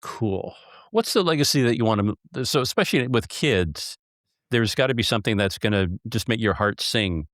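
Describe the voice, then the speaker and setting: A man's voice: medium pitch, animated, normal speed, fairly bright tone, dry recording, studio quality. A man hosting an interview, asking questions in a playful, joking way and setting them up with stories. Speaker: podcast host, interviewer. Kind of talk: conversational interview.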